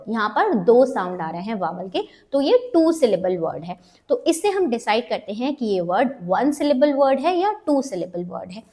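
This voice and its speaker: A woman's voice: a little high, a little mellow. A woman teaching a phonics lesson step by step, mixing Hindi with English terms and repeating each sound for learners.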